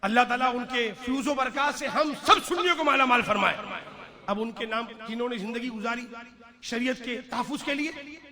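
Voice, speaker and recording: High-pitched fervent male preacher before a crowd. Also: moderate pace. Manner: fervent oratory, swinging from hushed storytelling to shouted declarations. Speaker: Islamic preacher. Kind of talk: sermon at a religious gathering. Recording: live address with crowd noise behind. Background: gathered crowd.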